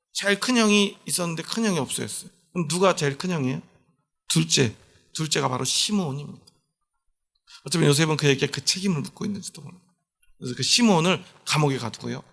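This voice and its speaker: Male pastor, sermon, chatty storytelling, rough gravelly voice, a bit high. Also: fairly bright tone. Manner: conversational storytelling, asks the congregation questions.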